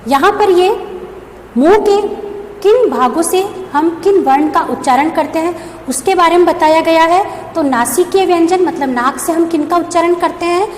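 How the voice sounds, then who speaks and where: Female teacher, high voice, reverberant room; poses questions and answers them, spells letters slowly. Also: a little mellow. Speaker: school teacher. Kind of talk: classroom grammar lesson. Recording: echoey room with faint background hum.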